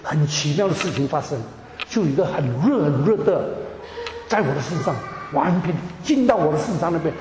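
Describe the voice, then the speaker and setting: A man tells his personal testimony to a congregation in a high voice, tripping over repeated words and slipping English terms into his speech. He is recorded in a large hall that gives every phrase a long, roomy reverb. A faint room hum sits underneath. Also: animated, a little fast, a little mellow. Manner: stammering repetitions, drops in English words. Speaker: church member giving a testimony.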